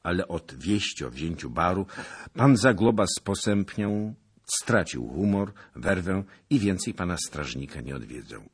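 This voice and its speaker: Man, audiobook narrator, low voice, husky, slow, lively intonation, theatrical. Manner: expressive, theatrical. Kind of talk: dramatic literary narration.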